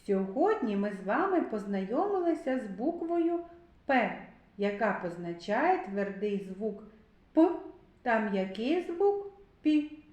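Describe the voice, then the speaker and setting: A woman teaching a literacy lesson to young children, sounding out syllables slowly and gently encouraging them. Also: a little high, very animated, echoey room. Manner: slow, deliberate, drawn-out syllables. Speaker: kindergarten teacher.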